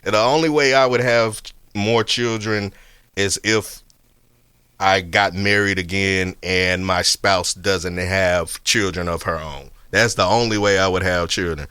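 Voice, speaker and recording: A man hosting a casual podcast interview, talking in a relaxed, conversational way with lots of "you know what I mean". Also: low voice, measured pace, smooth, no room sound. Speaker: podcast host.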